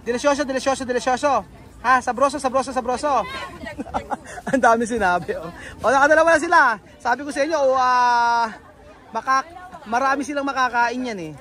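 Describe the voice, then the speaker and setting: A woman vlogging outdoors, chatting with children in a lively, coaxing way and switching between languages. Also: high-pitched, a little fast. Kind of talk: casual vlog chat with children. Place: busy street outdoors. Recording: crowd and music noise outdoors. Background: street crowd and music.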